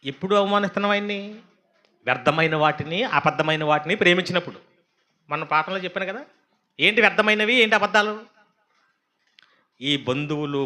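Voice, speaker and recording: A male pastor delivering a sermon with a high, bright voice. He is animated and acts out mocking asides and quoted voices as he goes.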